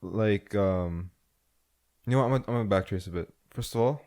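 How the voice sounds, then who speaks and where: A man's voice: low-pitched, a little fast, darkish tone. A man hosting a casual podcast chat, rambling and steering the talk back with filler words. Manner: rambling, keeps saying "anyways". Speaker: podcast host.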